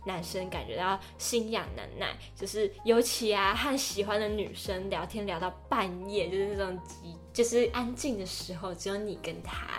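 With soft music in the background, a young woman with a Taiwanese Mandarin accent talks at a moderate pace in a mid-range voice, hardly pausing. She co-hosts a casual podcast, animatedly sharing personal stories and acting out what people said and what she thought.

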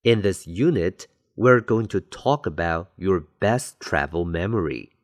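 Low-voiced male English teacher. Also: lively intonation, dry recording, studio quality. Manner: clear, deliberate explaining. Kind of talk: bilingual language lesson.

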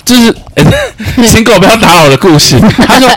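A young adult man, co-hosting a casual podcast and telling a story in an animated way with frequent laughs. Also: high-pitched, brisk, background noise. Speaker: podcast co-host.

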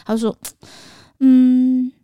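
A woman's voice: high voice, flat delivery, slow pace, smooth, dry recording, highs cut off. A woman co-hosting a podcast, telling a story and acting out both sides of the conversation. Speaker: podcast co-host. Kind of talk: casual storytelling chat.

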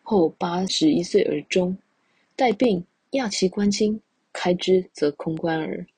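Gravelly, husky woman storyteller. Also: lowish voice, measured pace, warm tone, no echo. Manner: reads classical lines then explains with chatty asides. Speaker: podcast storyteller. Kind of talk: reading classical text then retelling it casually.

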